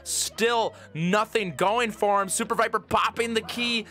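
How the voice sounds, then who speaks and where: Young male esports caller, hype and jokey, bright tone. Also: high voice, fairly even intonation, measured pace. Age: young adult. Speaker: commentator. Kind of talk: casual esports commentary.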